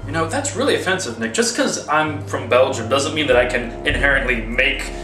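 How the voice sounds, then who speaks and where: A young man acting in a homemade comedy sketch, talking deadpan and breaking into indignant rants. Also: medium pitch, brisk, over music. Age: young adult. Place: small apartment kitchen, indoors. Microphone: camera mic from across the room. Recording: roomy, distant camera sound.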